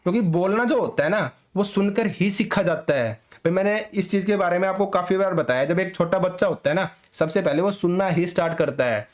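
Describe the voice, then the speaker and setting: A man's voice: high-pitched, fairly quick, few pauses. A man teaching an exam preparation lesson, explaining step by step, asking and answering his own questions, and adding frequent checks after each point. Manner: mixes English words into Hindi. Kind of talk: classroom-style lecture.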